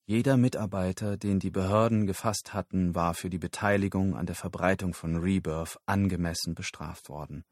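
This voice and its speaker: A man narrating an audiobook in a steady, measured storytelling voice. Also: low-pitched, no echo, clean studio sound.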